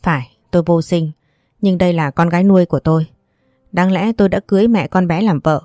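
A woman's voice: fairly low pitch, brisk, darkish tone, no room sound, studio quality, soft background music, close to an everyday voice. A woman voicing a stern, protective older man who speaks firmly and scolds his relatives. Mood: gentle. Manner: firm, scolding.

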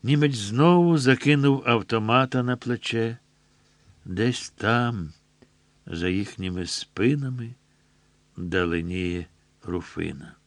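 A man reading a literary story aloud, slow, measured and somber, close to the mic. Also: medium pitch, no echo. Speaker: audiobook reader. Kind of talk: literary narration.

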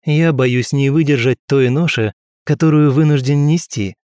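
A man's voice: medium pitch, lively intonation, moderate pace, darkish tone, no room sound, pitched above the performer's own voice, natural voice. A male narrator voices a nervous young grand duke, earnest and pleading, his voice lifted above the narration. It is close and dry, with no room sound.

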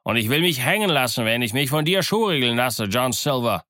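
Rebellious pirate, hot-tempered, rushed delivery, a man voicing him. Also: mid-range voice, lively intonation, pushed and bright, no echo, clean studio sound, voice pushed up. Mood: defiant. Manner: fast, defiant outburst.

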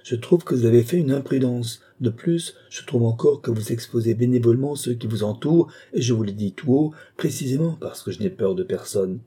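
A man voicing a blustering, cowardly gentleman in an audiobook, agitated and indignant, insisting he fears nothing. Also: fairly low pitch, expressive, a little fast, breathy edge. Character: blustering, cowardly gentleman who claims no fear. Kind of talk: audiobook character voice.

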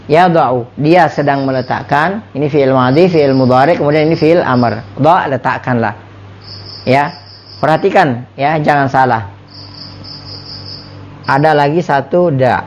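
A man's voice: medium pitch, measured pace, pauses often, muffled recording, slight background noise. A man with an Indonesian accent teaching an Arabic lesson, repeating words and quizzing his students. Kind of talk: classroom lesson.

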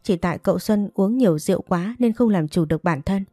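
A woman's voice: mid-range voice, fairly quick, mellow, no room sound, studio quality, natural voice. A woman voicing a young mandarin's daughter who pleads through tears while scheming. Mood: pleading tearful. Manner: pleading, tearful.

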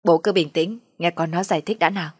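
A woman's voice: lowish voice, fairly even intonation, breathy edge, no room sound, clean studio sound. A woman voicing a frightened young man pleading with his father. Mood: placating. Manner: hurried desperate pleading.

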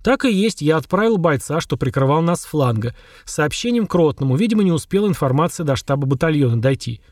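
A man's voice: fairly high pitch, animated, fast talker, darkish tone, dry recording, clean studio sound. A man reading the part of a blunt, fearless veteran army sergeant in an audiobook, with a confident, plain-spoken manner. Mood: reporting.

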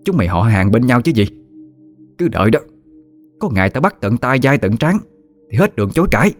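A man voicing a shrill, spiteful old village woman who scolds and curses her neighbours. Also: very animated, a little fast, faint music behind.

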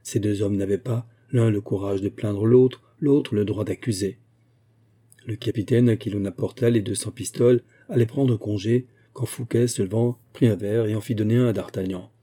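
Guy reading an old novel, steady and measured, low husky voice. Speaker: audiobook narrator. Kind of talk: scripted narration.

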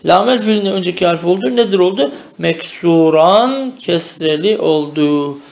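Gravelly-voiced man drilling Arabic conjugations. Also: high-pitched, lively intonation, moderate pace, reverberant. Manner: chants verb conjugations in rhythmic drills; explains in Turkish, checking with "değil mi?". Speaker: Arabic grammar teacher. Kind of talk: traditional madrasa-style Arabic lesson.

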